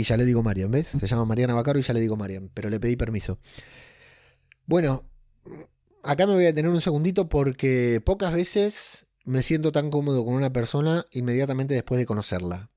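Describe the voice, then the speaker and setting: Chatty Argentine man, mellow dry voice. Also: mid-range voice, a little fast, no echo. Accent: Argentine Spanish. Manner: chatty, rambling with many fillers and restarts. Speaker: podcast editor and host. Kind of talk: casual personal monologue.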